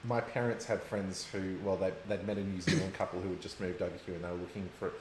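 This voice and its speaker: A man hosting a casual chat, easygoing and quick to laugh. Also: low voice, flat delivery, a little mellow. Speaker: host. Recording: echoey room, faint background noise.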